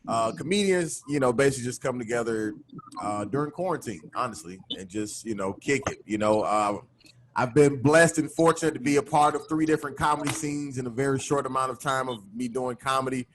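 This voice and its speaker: Brief: male podcast host, easygoing and slangy, mid-pitched voice, faint noise on a video call line. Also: a little fast. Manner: laid-back, slangy, lots of fillers. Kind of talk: casual chat.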